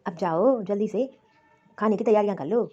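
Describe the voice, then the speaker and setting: A woman voicing a harsh, stubborn young husband in an animated cartoon, speaking in an angry, threatening, domineering way. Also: medium pitch, moderate pace, faint music behind, pitched below the performer's own voice, natural voice. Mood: bossy. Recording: slightly muffled lo-fi recording.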